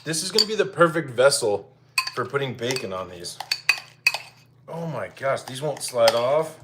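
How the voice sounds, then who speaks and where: A man with a mid-range, animated voice talks at a moderate pace while hosting a live cooking stream from his home kitchen, casually chatting with viewers and thinking out loud. The audio is clear, though dishes and cutlery clatter in the background.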